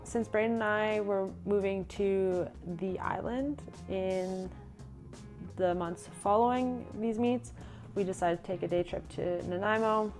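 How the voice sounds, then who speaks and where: A young Canadian runner chats casually in a vlog, reading her own race notes as she recaps her racing season. Her voice is mid-range with a darkish tone.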